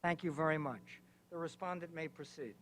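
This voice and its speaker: A man's voice: on the high side, moderate pace. A man speaking as presiding judge, formally running court proceedings.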